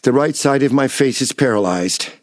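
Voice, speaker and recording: A man in his seventies giving a dramatic first-person reading of his memoir, blunt and profane, swinging between hushed low tones and raised outbursts. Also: normal speed, no room sound, clean studio sound. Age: 70s. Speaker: memoir reader.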